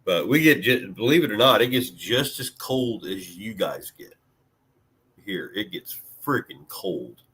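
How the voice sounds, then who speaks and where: Man from Illinois, very low voice, casual live-stream chat, rambling, lots of fillers, close mic. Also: big pitch swings, a little slow, fairly bright tone, slightly rough. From Illinois, USA. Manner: laid-back, rambling, with many fillers and mild swearing. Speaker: vlogger chatting with live viewers.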